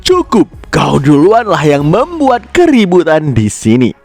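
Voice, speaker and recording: A man voicing a calm, unbothered young hero who answers threats casually. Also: a little high, moderate pace, dry recording.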